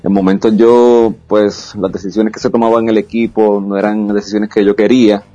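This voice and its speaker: Frank and sure of himself, the esports caster, a native Spanish speaker, keeps restarting as he talks in a casual guest interview. He has a fairly low, mellow voice delivered flatly at a moderate pace, with lo-fi sound and faint music behind.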